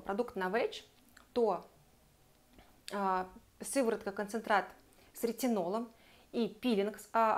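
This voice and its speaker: Chatty woman reviewing beauty products. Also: mid-range voice. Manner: chatty, enthusiastic, recommends warmly and addresses viewers directly. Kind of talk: casual product review to camera.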